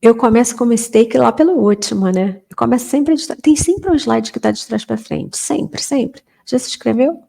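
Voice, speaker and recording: A Portuguese-speaking woman gives a relaxed, chatty English lesson for beginners and drags out each example sentence slowly and clearly. Her voice sits a little high, has a mellow, darker tone, and carries a steady gravelly fry. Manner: chatty, informal, slows down to model English sentences. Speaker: English teacher.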